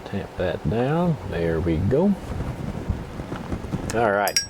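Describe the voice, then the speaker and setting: A man chatting casually and telling stories in an unhurried, rambling, folksy way, at times with a pipe in his mouth. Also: fairly low pitch, big pitch swings, background noise. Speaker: pipe-smoking vlogger. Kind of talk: casual storytelling chat.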